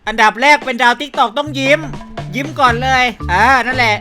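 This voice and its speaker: A man giving playful, excitable gameplay commentary, laughing often and using crude slang. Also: very high voice, moderate pace. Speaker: gaming YouTuber. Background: background music.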